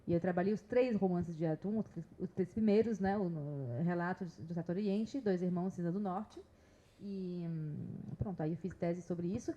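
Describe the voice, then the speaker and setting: A woman's voice: on the low side, moderate pace, warm tone, muffled recording. A woman with a slight Bahian Brazilian accent, a literature scholar speaking chattily on a panel with frequent tag questions. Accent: slight Bahian Brazilian Portuguese. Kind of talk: panel talk.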